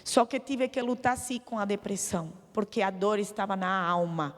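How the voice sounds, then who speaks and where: A woman's voice: mid-range voice, normal speed. Woman giving a church testimony in a reverberant hall. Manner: emotional storytelling, acts out dialogue; preaching appeal to the audience.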